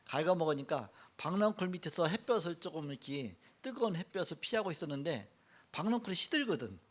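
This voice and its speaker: Middle-aged pastor guy preaching, pitch jumps all over, acts out the bible bits. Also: fairly quick. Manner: animated storytelling, acts out quoted lines. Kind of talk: sermon.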